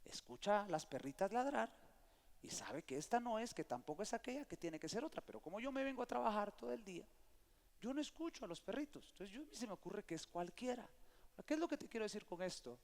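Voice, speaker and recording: This middle-aged pastor has a high voice and talks fast as he preaches to his congregation. Telling stories with energy, he asks the room for amens, and the sanctuary's long hall reverb rings behind him.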